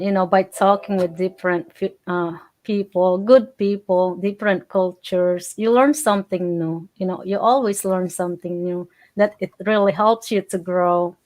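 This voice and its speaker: A woman's voice: fairly low pitch, a little mellow. A woman from the Philippines hosting a casual livestream talk, chatty, with many fillers. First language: Filipino. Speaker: host.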